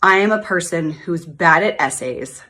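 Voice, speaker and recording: Brief: woman doing an anxious schoolgirl, repeating her worries, low-key voice. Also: normal speed, bright, forceful tone. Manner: repetitive, worried. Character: nervous young girl, anxious schoolchild.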